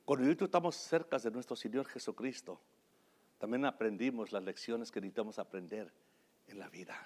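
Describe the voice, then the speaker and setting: A man preaching a sermon and telling a story, often searching for words with hesitations and restarts. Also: mid-range voice.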